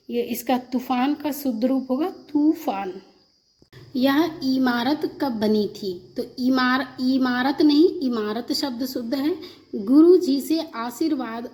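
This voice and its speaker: A woman's voice: sits high, warm tone. A woman teaching a Hindi spelling lesson for an exam, reading example sentences and then repeating each word in its correct form.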